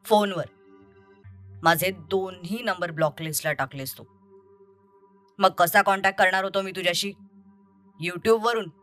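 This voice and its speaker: A woman voicing an angry young man who confronts his deceitful ex-lover in an audio story, over soft music. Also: fairly low pitch, a little slow, pauses often. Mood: accusing. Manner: accusing, bitter and confrontational.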